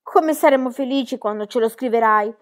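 A woman's voice: on the high side, fairly quick, lightly acted. Woman doing an eager, anxious young boy.

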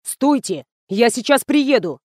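A woman's voice: fairly high pitch, very animated, slow, a little mellow, no room sound, heavily acted. Woman voicing a fussy male PR man, insistent questions, audiobook. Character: pushy male PR man woken at dawn.

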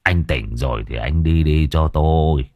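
A man reading an audiobook, voicing a poor, gruff but kind-hearted old village man who grumbles and curses slowly. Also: extremely low pitch, dry recording, muffled recording, voice pushed down. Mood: grumbling. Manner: grumbling, cursing, slow and weary.

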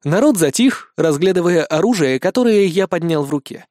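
Male audiobook narrator, fairly high voice, steady and expressive, dry close recording. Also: a little fast, no echo.

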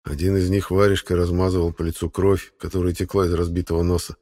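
A man narrating an audiobook in a steady, measured storytelling manner. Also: deep voice. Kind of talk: scripted narration.

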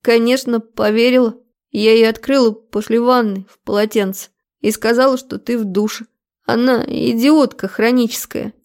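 A woman's voice: steady tone, normal speed, darkish tone, lightly acted. A woman reading an audiobook, voicing a hysterical, clingy young woman who pleads and sobs. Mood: tearful. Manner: shrill, tearful pleading. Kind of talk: audiobook character voice.

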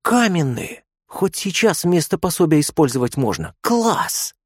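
A man voicing a shy, innocent, excitable young female nurse. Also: on the high side, a little slow, breathy edge, no echo, clean studio sound, voice pushed up, full character voice. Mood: thrilled. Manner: excitable, bashful.

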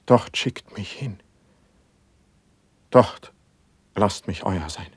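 Here the same kind of role, a brooding, suspicious and passionate poet in a classical verse radio drama, is played with a full character voice that pleads fervently. The male actor's husky voice sits fairly low, his diction is declamatory and measured, and the recording is dry.

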